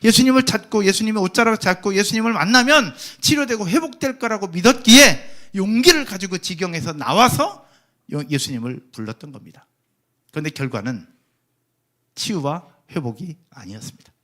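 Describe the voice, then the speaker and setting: A middle-aged man delivers a sermon from a church pulpit. His voice sits a little high and rises and falls with animated swings as he asks the congregation questions. He preaches to them in an earnest, storytelling way. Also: brisk. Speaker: pastor. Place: church sanctuary.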